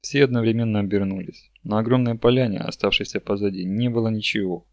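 Guy with a lowish voice reading a novel out loud, steady pace, dry close sound. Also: fast talker, dry recording. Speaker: audiobook narrator. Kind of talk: scripted narration.

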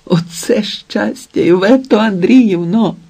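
A man reading an audiobook, voicing an older nanny woman who cries out in high, wailing tones. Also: takes it slowly, gravelly, mellow, husky, full character voice. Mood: tearful joy. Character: elderly nanny woman, tearful and excitable.

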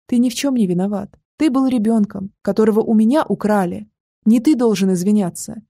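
A woman's voice: mid-range voice, fairly quick, no echo, lightly acted. Woman reading a grieving, pleading mother. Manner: soft, earnest pleading.

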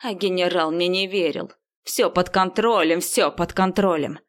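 A woman's voice: medium pitch, normal speed, lightly acted. A woman voicing a nervous, hot-tempered male administrator who speaks anxiously and in exasperation. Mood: furious.

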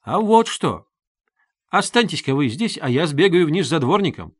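A man voicing an eager, quick-witted young man who talks in a ringing, lively, urgent way, in a storybook reading. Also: on the high side, no echo, clean studio sound.

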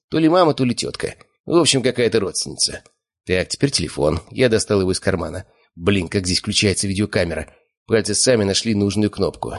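A man with a fairly low voice narrates a first-person audiobook. His delivery is dry and sardonic, steady through long passages of story.

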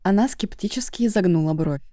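A woman narrating a first-person audiobook in a steady, even manner. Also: on the low side, a little fast, no room sound, studio quality.

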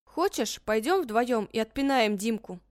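A man's voice: extremely high pitch, lively intonation, measured pace, dry recording, clean studio sound, voice pushed up. A man voicing a protective, feisty teenage sister in an audiobook, coaxing and bossy by turns. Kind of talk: audiobook character voice.

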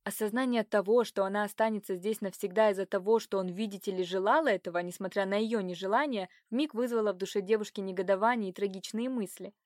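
A woman's voice: mid-range voice, dry recording. Woman narrating a novel in a dry booth. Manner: even, measured reading. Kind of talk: reading a romance novel aloud. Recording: dry close recording.

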